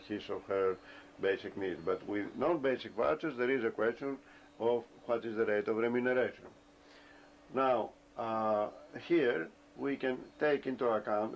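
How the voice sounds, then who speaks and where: A man lectures in a low, gravelly voice, working through his explanation slowly, with frequent pauses and hesitations. The recording is dull and lo-fi, with a faint hiss of ambient noise behind him.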